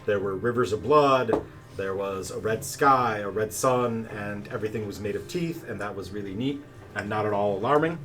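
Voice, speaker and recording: A man running a tabletop game as game master, narrating in a relaxed, chatty way with plenty of fillers. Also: fairly low pitch, moderate pace. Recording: distant mic, faint background noise.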